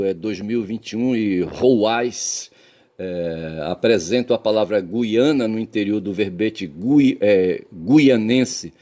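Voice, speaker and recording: A man's voice: on the low side, mellow. A Brazilian man with a Brazilian Portuguese accent, holding a rambling solo monologue that keeps checking in with the listener, folksy, pedantic and blunt, with the odd swear word. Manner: keeps tagging phrases with "tá certo?" and "sabe?", pedantic and folksy. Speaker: channel host.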